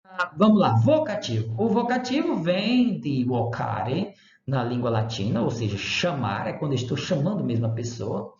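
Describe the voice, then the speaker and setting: A Brazilian male professor gives a lecture in a lively, animated voice that often rises and falls. He speaks with a Brazilian Portuguese accent, repeats examples slowly, and checks in often with his students. The recording is dull, lo-fi and echoes in the room. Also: a little high. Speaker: university Latin professor. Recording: roomy, dull lo-fi sound.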